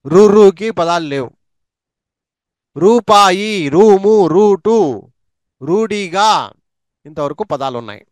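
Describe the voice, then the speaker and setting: A man runs a slow reading drill, going through syllables and words one at a time and repeating each one. His voice sits high and moves at a very unhurried pace. The recording is close and dry, with no room sound. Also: animated, clean tone, dry recording. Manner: repeats each word twice, drawn out. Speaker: teacher.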